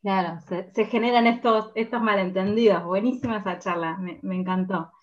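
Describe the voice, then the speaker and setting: A woman with an Argentine accent talks as a podcast guest, explaining points patiently and filling pauses as she thinks. Her pitch sits in an ordinary middle range. The audio is a little dull and lo-fi. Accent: Argentine Spanish. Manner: explanatory, thinks aloud with fillers. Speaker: podcast guest, communication speaker. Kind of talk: casual podcast conversation.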